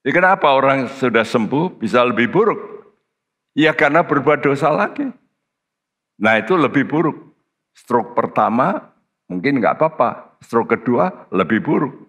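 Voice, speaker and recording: A man preaching a sermon as pastor, slow and emphatic, with sudden high-pitched stresses on key words. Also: lively intonation, a bit bright. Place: church. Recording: church hall reverb.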